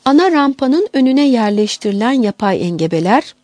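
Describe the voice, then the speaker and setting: A woman's voice: fairly high pitch, big pitch swings, moderate pace, a little mellow, no room sound. A woman voicing an irritable, pedantic father in an audiobook, lecturing in an exasperated tone.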